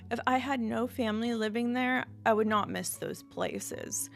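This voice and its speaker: Faint music plays behind this unedited to-camera monologue, where a young vlogger from the US talks to her audience at a moderate pace. Her voice sits on the high side, and she is candid and reflective with the occasional light laugh.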